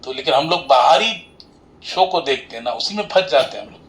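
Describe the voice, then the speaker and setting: A man with a slightly high voice narrates a devotional sermon as a storyteller. He plays both sides of a comic parable, calling out loudly one moment and dropping to soft asides the next. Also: animated, a little fast. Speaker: katha narrator. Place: Navi Mumbai.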